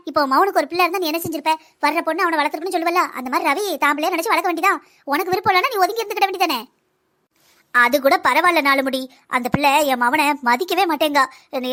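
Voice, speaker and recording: A woman with a southern Tamil accent voicing village women who bicker in a cartoon, quick and scolding. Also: very high voice, sharp tone. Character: village women bickering over a son's second marriage. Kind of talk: cartoon dialogue.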